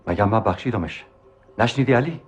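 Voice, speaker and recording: An actor with an Afghan accent playing a wealthy, stern master who speaks in a reproachful, pleading way. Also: male voice, fairly low pitch, husky.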